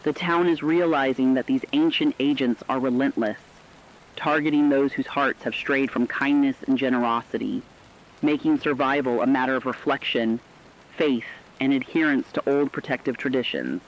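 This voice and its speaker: Acting as a solemn radio reporter, a man relays eerie accounts in a measured, formal horror narration heavy with foreboding. His natural, medium-pitched voice stays steady, and the highs are cut off.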